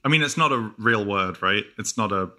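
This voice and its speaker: A man co-hosting a podcast, chatting casually with dry, deadpan, repetitive jokes. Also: fairly low pitch, normal speed. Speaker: podcast co-host. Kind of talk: casual comedic chat.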